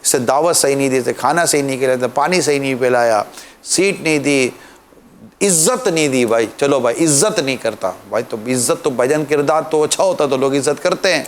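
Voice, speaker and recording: A male preacher giving an impassioned Islamic sermon, pleading with listeners and dropping to soft, earnest tones. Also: mid-range voice, a little hiss or hum.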